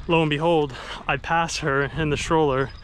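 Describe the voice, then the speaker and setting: A man's voice: fairly high pitch, steady tone, slow pace, a bit bright, a little hiss or hum. A man casually vlogging outdoors while running with his dogs, chatty and upbeat. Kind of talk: casual vlog narration. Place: outdoors on runs and in a yard.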